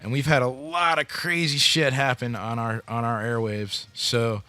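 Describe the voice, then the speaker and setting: A man's voice: medium pitch, little pitch movement, normal speed, sharp tone, no echo. A man hosting a radio show in casual chat, talking in a heavily profane, slangy music-fan way.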